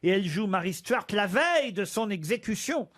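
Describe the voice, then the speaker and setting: A man's voice: high voice, very animated, normal speed, a bit bright. A man hosting a radio quiz, teasing his panel and reading out prize promotions in a playful way. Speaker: radio game show host.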